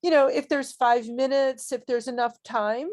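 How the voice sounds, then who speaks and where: A woman on tournament staff giving relaxed, practical advice in a casual meeting. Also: high-pitched, moderate pace. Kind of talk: casual Q&A on a video call.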